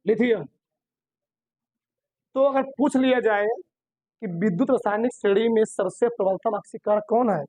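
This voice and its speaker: A man's voice: sits high, moderate pace, pauses often, a little mellow, dry recording. A man teaching a chemistry class in Hindi. He keeps posing questions to his students, answers them himself, and repeats key terms for emphasis. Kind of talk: classroom lecture.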